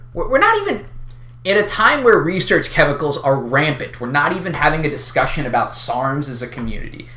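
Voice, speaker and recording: Addressing a community, an online video creator launches into an unscripted, unhinged rant that's casual and full of swearing. The voice is sharp and forceful, with wide pitch swings and sarcastic, exasperated stress, echoing through a reverberant room.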